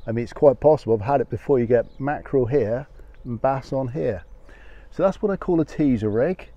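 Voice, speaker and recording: A man's voice: mid-range voice, brisk, dark tone. A man in his fifties, sitting outdoors and chatting to camera with a lapel mic as he explains his fishing rig in a casual, practical way. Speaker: fishing vlogger. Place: outdoor wooden deck by the sea. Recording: slightly dull lo-fi audio.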